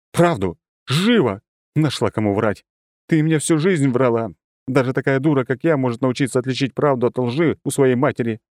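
A man's voice: mid-range voice, darkish tone, no echo, studio quality, voice pushed up, natural voice. A man voicing a furious young fox-girl warrior in an audiobook, grim and threatening.

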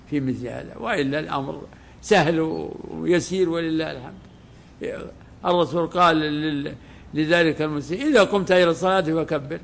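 A man who is a religious scholar, giving a classroom lesson that explains a legal text, deliberate and repeating phrases as he explains. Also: fairly high pitch, gravelly.

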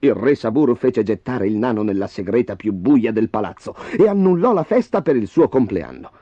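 A man narrating a fairy tale in a dramatic, expressive way, in a dull lo-fi audiobook recording. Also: fairly low pitch, normal speed, no room sound, soft background music. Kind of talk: storybook reading.

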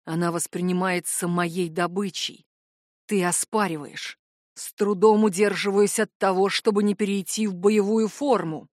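A hot-tempered young shapeshifter man voiced by a woman snarls and hisses short, clipped threats. The audiobook voice sits at a middle pitch and sounds dry and close. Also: fairly even intonation, normal speed, no echo, natural voice. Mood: menacing. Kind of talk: audiobook narration.

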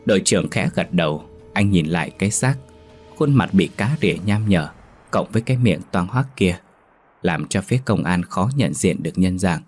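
Deep-voiced man narrating a horror story. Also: lively intonation, moderate pace, slightly rough, faint music behind.

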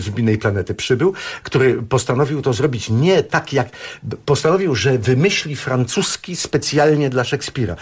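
A man's voice: mid-range voice, husky. A man speaking as a translator guest in a radio studio discussion, explaining thoughtfully with restarts.

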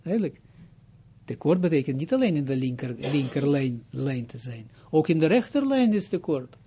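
A man's voice: fairly high pitch, big pitch swings, dark tone, muffled recording, slight background noise. A man, a rabbi, giving an informal spoken lesson, explaining step by step and often stopping to check that listeners follow. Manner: explains with frequent checks like "Duidelijk?" and halting restarts. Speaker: rabbi teaching Kabbalah.

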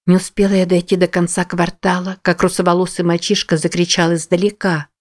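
Low-voiced woman reading somberly. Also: little pitch movement, brisk. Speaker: audiobook narrator. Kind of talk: scripted first-person narration.

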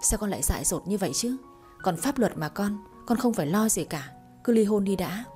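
A woman voicing a calm, protective middle-aged mother in a read-aloud story, with a mellow voice. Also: medium pitch, a little fast, faint music behind, close to an everyday voice. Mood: calm firm. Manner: soothing, steady.

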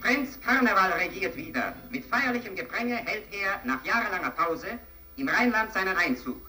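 A male announcer from an old newsreel, with a clipped, dashing delivery and a lively voice that swings widely. His tone is very sharp and tense, and he sounds set back from the mic. Faint music runs under the distant newsreel sound. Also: sits high, moderate pace. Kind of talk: newsreel commentary.

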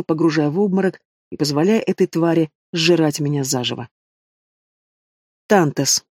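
A man narrating a fantasy novel in the first person, steady and dramatic. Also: fairly high pitch, no echo, studio quality. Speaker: audiobook narrator.

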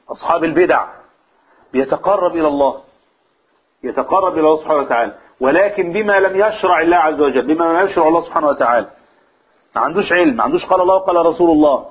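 A man with an Egyptian Arabic accent teaching a religious lesson to a group. He asks the room questions and answers them himself, and he draws out vowels to demonstrate recitation. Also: fairly high pitch. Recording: husky, phone-like lo-fi recording.

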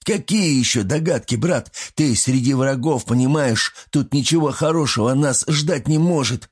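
A man's voice: mid-range voice, husky, pitched above the performer's own voice, lightly acted. A man voicing a cheeky, pushy little male gremlin who scolds and argues in an audiobook. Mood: badgering. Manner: bossy, scolding, quick to argue. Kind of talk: audiobook character voice.

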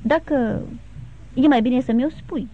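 A woman's voice: sits high, warm tone, slight background noise, pitched above the performer's own voice, lightly acted. A woman voicing an anxious, despairing young man in an audiobook, speaking in pleading tones. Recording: tinny phone-like sound.

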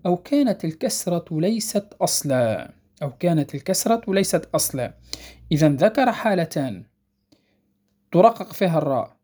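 A woman teaching the rules of Quran recitation. She explains patiently, repeats key points, checks that students follow, and recites verses slowly and melodically. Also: mid-range voice, a little mellow, slightly rough. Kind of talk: tajweed lesson explaining rules.

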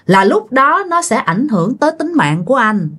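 A woman voicing a calm male doctor giving firm instructions. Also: a little high, moderate pace.

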